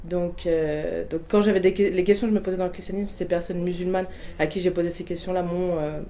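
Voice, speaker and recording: With a lowish, dark voice and fairly even intonation, this fast-talking woman in her twenties answers prompts in a personal testimony. Her family background is Portuguese, and she comes across as hesitant, with plenty of fillers and restarts.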